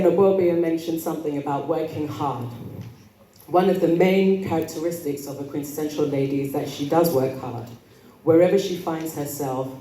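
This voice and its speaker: An etiquette coach speaks at an indoor event, giving a motivational talk to a live audience in a low, warm voice. Her enunciation is prim and precise, her manner measured and polite. The sound is roomy, taken from a distant mic in a noisy hall.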